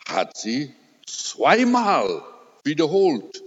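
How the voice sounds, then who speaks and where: An older man preaching a personal sermon testimony, telling his story slowly and with emotion, rising to emphatic peaks. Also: a little high, huge pitch swings, breathy edge. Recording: dull recording with long hall reverb.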